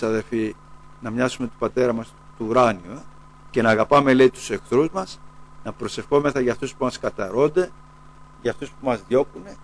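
A man preaching a sermon, who keeps tagging lines with a low, quiet "brothers, eh" and slows down to quote scripture. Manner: repeats "brothers, eh" as a dropping aside; rises in pitch when urging the listeners.

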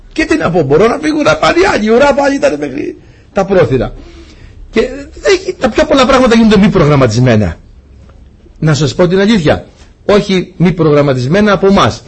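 A middle-aged man delivers a sermon with a husky, slightly high voice. His pitch swings widely as he preaches with energy, and he chuckles at his own anecdotes. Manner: lively preaching, rising in pitch and laughing at his own stories.

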